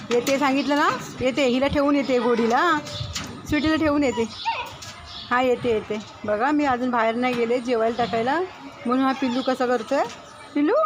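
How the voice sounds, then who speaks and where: A woman with a high, bright voice talks to her pets in a sing-song baby-talk way. It is a casual home vlog on a phone camera. Birds and animal sounds make a noisy background. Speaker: vlogger.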